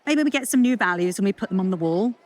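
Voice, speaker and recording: A culture consultant gives a conference talk to a live audience in a lively, chatty way, full of self-deprecating puns and asides. She speaks quickly at a medium pitch.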